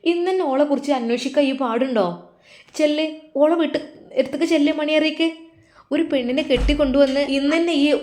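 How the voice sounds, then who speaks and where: A fussing middle-aged mother coaxes and scolds in a raised, quick voice, as a woman puts her on. She speaks with a Malappuram Malayalam accent. The room adds a clear echo. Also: high voice, a little mellow, pitched above the performer's own voice, natural voice. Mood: coaxing, scolding. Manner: coaxing, scolding. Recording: roomy echo.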